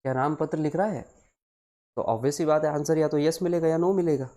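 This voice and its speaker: A slightly high, mellow male voice leads a live online lesson, moving between Hindi and English while talking to his students, explaining carefully and repeating the key phrases.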